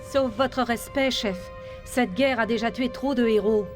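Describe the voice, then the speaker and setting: A woman's voice: a little high, unhurried, over music, close to an everyday voice. An actress playing a wry, self-assured female artificial intelligence aboard a warship in a video game. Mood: wry, confident. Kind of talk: dramatic video game dialogue.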